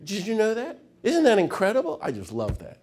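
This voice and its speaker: A middle-aged man giving a public lecture, telling stories with sudden swings from hushed asides to loud, fired-up passages. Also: high-pitched, wildly swooping pitch, a little fast. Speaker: speaker.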